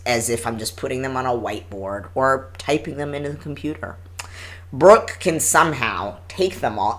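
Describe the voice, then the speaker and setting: A woman's voice: a bass voice, fairly bright tone. A woman co-hosting a podcast, talking casually in a reflective, rambling way with many restarts. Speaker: podcast co-host and business teacher. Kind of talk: casual chat.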